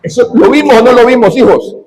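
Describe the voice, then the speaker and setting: A man, preaching a sermon as pastor, animated, quizzing his congregation and breaking into shouts. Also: extremely high pitch, fairly quick, long reverb tail, crowd noise, poor audio. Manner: animated, asks the congregation questions, shouts in bursts.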